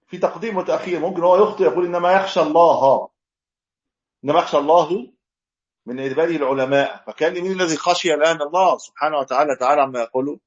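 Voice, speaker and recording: A man's voice: fairly high pitch, muffled recording. A man teaching a religious lesson as a sheikh, explaining step by step and demonstrating correct recitation. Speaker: sheikh teaching a fiqh text.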